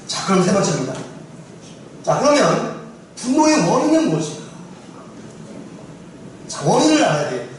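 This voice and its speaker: A man's voice: high-pitched, big pitch swings, moderate pace, pauses often, a little hiss or hum. A male pastor preaching a sermon and often putting questions to his congregation. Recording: echoey church hall, distant mic.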